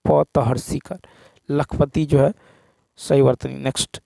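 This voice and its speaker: A man teaching an exam practice lesson, reading out questions and answers and repeating each key point slowly. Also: a little high, gravelly, darkish tone, no room sound.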